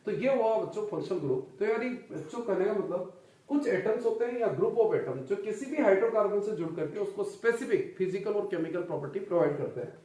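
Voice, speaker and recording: A high-pitched man with a warm tone lectures on chemistry, repeatedly questioning his students, whom he calls "children" and "son." The mic is distant and he's off-mic in a strongly echoing room.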